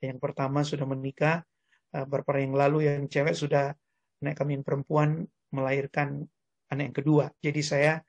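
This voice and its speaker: An older man, a grandfather, preaching a lively sermon on a video call and having listeners repeat after him. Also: on the high side, a little fast, vocal fry, highs cut off. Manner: animated, calls congregation to repeat words. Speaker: pastor.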